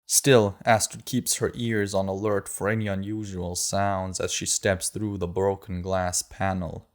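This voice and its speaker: Male narrator, audiobook, low voice, measured and steady reading. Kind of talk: scripted narration.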